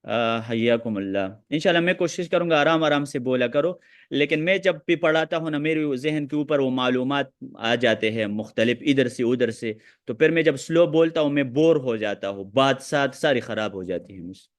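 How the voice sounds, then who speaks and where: Man, hadith teacher, rapid lecture delivery, recites Arabic quotations, mid-pitched voice. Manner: talks quickly, quoting Arabic texts. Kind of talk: online lecture with questions.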